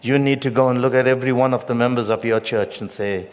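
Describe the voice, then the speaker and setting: A middle-aged man preaching a sermon as pastor, with emphatic loud peaks and hushed drops. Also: mid-range voice, steady tone, quick pace. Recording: long reverb of a large hall.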